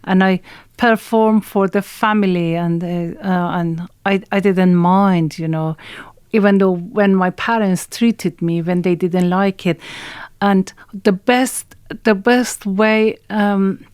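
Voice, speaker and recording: An Iranian-accented woman speaks slowly and haltingly, pausing often and reaching for words as a radio guest. Her voice is mid-pitched and sits dry and close in the studio. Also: a little mellow, clear, resonant tone, dry recording. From Iran. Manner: halting and hesitant, many pauses and fillers. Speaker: guest singer. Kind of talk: radio interview.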